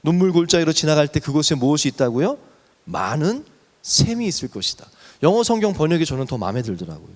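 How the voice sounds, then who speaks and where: A man preaching a sermon as pastor, telling a story with lively emphasis and slowing to a near whisper on key words. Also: fairly high pitch, in a large hall.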